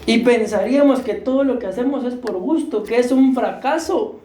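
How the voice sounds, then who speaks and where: A Costa Rican pastor preaches a sermon in a church hall, joking with and questioning his congregation while short of breath. His voice is very high-pitched and mellow, at normal speed, with plenty of reverberation.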